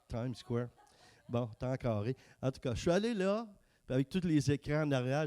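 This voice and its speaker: A man preaching a casual, joking sermon and reading scripture slowly. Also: mid-range voice, dark tone. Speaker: preacher and worship singer. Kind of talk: casual sermon with sung worship.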